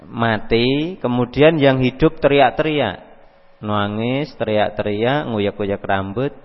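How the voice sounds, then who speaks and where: A man with a Javanese accent giving a religious study lecture, explaining slowly and carefully and mixing in Arabic readings. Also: mid-range voice. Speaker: Islamic teacher. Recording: echoey hall, dull lo-fi audio.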